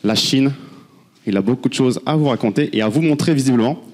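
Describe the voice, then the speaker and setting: A man hosting, briskly introducing a guest to an audience. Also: medium pitch, darkish tone. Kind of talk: spoken introduction.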